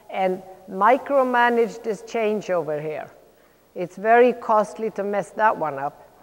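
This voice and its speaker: A woman coaching a riding lesson, calling out brisk, projected commands mixed with encouragement and blunt corrections. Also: medium pitch. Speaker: riding instructor, clinician. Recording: long echoing reverb of a large hall.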